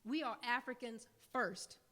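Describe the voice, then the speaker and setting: A woman's voice: on the high side, a little slow, bright, forceful tone. Earnest woman speaking on a panel. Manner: earnest, building to rousing repeated lines. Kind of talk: panel talk at a summit. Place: conference room with an audience.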